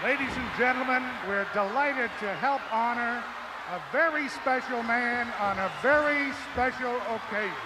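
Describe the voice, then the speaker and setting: A man presiding as a league president, reading a formal tribute in a measured way. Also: extremely high pitch, crowd noise, noisy background.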